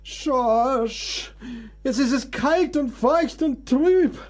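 In a radio play, a male actor portrays a frail, melancholic composer who sounds weary, plaintive and full of self-pity. His delivery is heavily acted, pitched extremely high and extremely slow.

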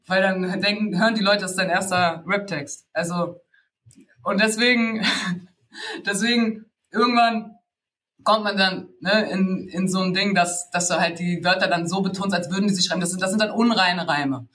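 A woman's voice: mid-range voice, steady tone, moderate pace, a bit bright, slight background noise. Slangy laughing rapper woman from Berlin. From Berlin, Germany. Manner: slangy, laughs often, restarts sentences. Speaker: rapper giving rap-writing tips. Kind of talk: casual spoken tutorial.

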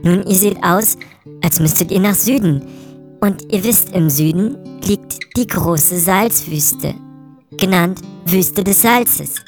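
A woman voicing a hungry, defiant young female thief in an audio story, talking quickly. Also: fairly low pitch, a little mellow, faint music behind. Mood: persuasive.

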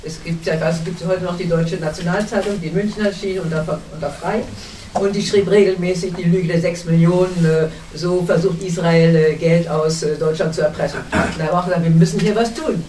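A woman's voice: fairly low pitch, fairly even intonation, brisk, warm tone, slight background noise. A German woman in her seventies, a panel guest recounting memories in an earnest way, often restarting her sentences as she searches for words. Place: cinema hall. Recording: echoey hall, distant mic.

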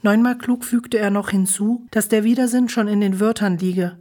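A woman's voice: mid-range voice, steady tone, moderate pace, dark tone, close to an everyday voice. A woman voicing a cocky, mean younger brother who taunts his sister, in a storybook reading. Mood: mocking. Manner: mocking, taunting.

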